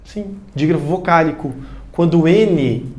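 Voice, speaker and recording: A man with a Brazilian Portuguese accent teaching a recorded video lesson, talking straight to the viewer and loudly calling out example words. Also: on the high side, a little slow. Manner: animated, addresses viewer directly, shouts example words.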